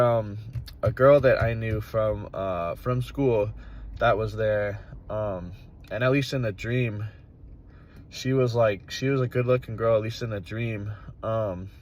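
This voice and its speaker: A young adult man casually rambling through his recollections, hesitant and puzzled, with hazy, trailing thoughts. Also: lowish voice. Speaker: vlogger keeping a dream journal. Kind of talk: casual rambling recounting of dreams. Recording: dull audio with loud vehicle-like outdoor noise.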